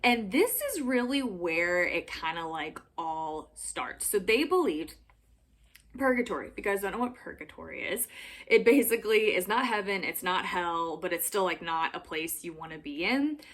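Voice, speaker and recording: A woman's voice: on the low side, animated, normal speed, fairly bright tone. A young woman hosting a casual explainer vlog from home, chatty and giggly, with lots of filler words. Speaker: vlogger. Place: home room with backdrop.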